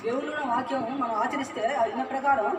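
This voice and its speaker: A man's voice: very high voice, fairly even intonation, fast, crowd noise. A pastor preaches to his congregation, pressing them with rhetorical questions and repeated phrases. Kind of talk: Telugu church sermon. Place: church hall with congregation. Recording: roomy, distant, noisy church recording.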